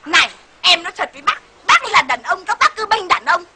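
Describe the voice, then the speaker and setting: A woman pleads her case insistently in comic banter. Her voice is very high and lively in pitch. She talks quickly over loud background noise. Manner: complaining, insistent. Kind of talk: comedy sketch banter.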